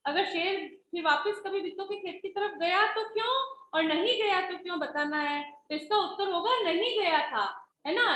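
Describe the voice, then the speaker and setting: A woman's voice: extremely high pitch, a bit bright, echoey room, poor audio. A woman teacher explaining a Hindi lesson patiently, often checking that her pupils follow. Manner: patient, keeps checking with "है ना?" and "ठीक है?".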